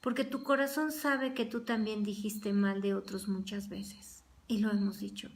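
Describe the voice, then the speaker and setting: A woman's voice: medium pitch, fairly even intonation, normal speed. A woman church teacher leading a Bible study, speaking earnestly and acting out everyday quarrels in quoted voices.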